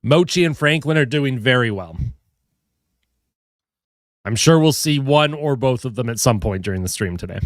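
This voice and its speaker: With a stuffy voice from a head cold, a young adult man hosts a casual hockey live stream, saying hello to viewers and reading their comments. He speaks mid-range at a moderate pace with lively intonation and frequent pauses, and he seems a little tired. The sound is studio quality with no echo.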